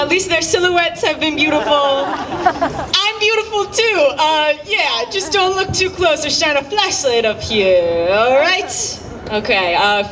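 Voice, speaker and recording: A young woman performs stand-up with a high voice and a sassy, theatrical delivery that can jump into loud exclamations. She sounds distant on an outdoor stage mic, with a noisy crowd around her. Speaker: stand-up comedian. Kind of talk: live stand-up comedy. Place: outdoor rooftop comedy show. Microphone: stage microphone.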